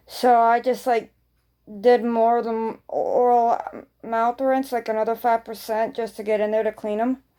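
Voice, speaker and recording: High-pitched, mellow-voiced woman vlogger chatting. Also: level tone, unhurried. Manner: rambling, repeats phrases for emphasis. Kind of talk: casual chat to viewers.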